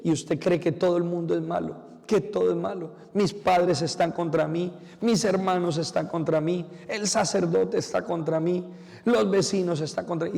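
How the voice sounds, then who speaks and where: A man who is a priest giving a lively homily, acting out little quotes. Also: a little high, creaky, big-room sound. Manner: lively preaching with acted-out quotes.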